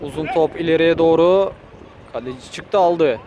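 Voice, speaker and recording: Calling a football match live at normal speed, a male commentator with a fairly high-pitched voice names players and moves in short, clipped bursts. He raises his voice excitedly at shots and goals, with faint outdoor noise behind him on a muffled recording.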